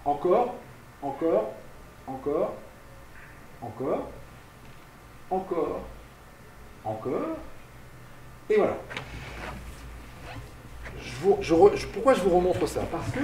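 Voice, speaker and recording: Slow, roomy lecture by a man. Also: sits high, very animated, a little mellow, slight background noise. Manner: slow, explanatory, asks and answers his own questions; directs slide changes aloud. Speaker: university lecturer. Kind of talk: public lecture. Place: lecture hall. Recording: roomy, distant lecture hall recording.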